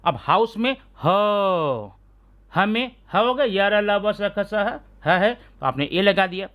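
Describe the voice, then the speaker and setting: A man teaching English grammar in a classroom-style lesson, sounding out letters slowly and often asking his students if they follow. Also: sits high, expressive, a bit bright. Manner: keeps asking students rhetorical check questions.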